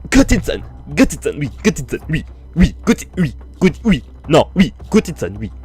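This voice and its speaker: Tabletop game role: flustered warrior lord played by a man, pitched high, tripping over every word. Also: big pitch swings, darkish tone, breathy edge, soft background music, full character voice. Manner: heavy stammer, halting repeated words.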